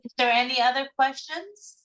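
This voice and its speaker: A woman's voice: sits high, normal speed, fairly bright tone, muffled recording. A woman speaking informally and reassuringly as a webinar host, explaining options over a video call. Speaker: webinar host, immigration consultant.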